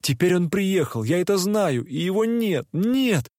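A man voicing a heartbroken young woman, pleading in a breathless voice that climbs high. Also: sing-song, a little slow, a little mellow, no room sound, studio quality. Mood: tearful, desperate.

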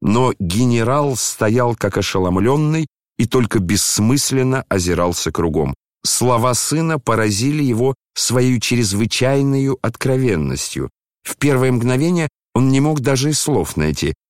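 A man narrating a classic novel aloud in an expressive, theatrical way. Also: medium pitch, unhurried, no echo, clean studio sound. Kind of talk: audiobook reading of a classic novel.

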